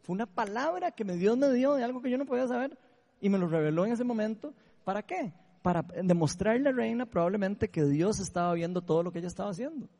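A man's voice: high voice, expressive, quick pace, gravelly, warm tone, long reverb tail. A man with a Costa Rican accent preaching a sermon testimony, telling a story and often asking the listeners for agreement.

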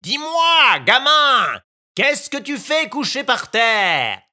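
Woman voicing a kindly, chatty pigeon in a storybook, high calls, lively and dry. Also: takes it slowly, heavily acted. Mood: friendly. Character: big kindly pigeon, talkative and helpful.

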